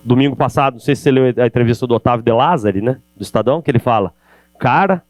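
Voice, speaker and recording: A middle-aged man with a Brazilian Portuguese accent lectures on sales, lively and direct, often checking in with his listeners. His voice sits at an ordinary pitch for a man, and the recording is dry, with a faint mains hum underneath. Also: very fast, no echo. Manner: animated, addresses audience directly with rhetorical questions. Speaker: keynote speaker on sales. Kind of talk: energetic business lecture. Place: event hall.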